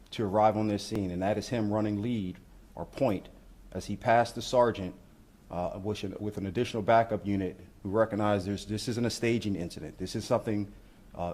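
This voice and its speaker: A man speaking as a law enforcement official, walking reporters through footage in measured, procedural language. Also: lowish voice, darkish tone. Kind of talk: news briefing commentary on footage.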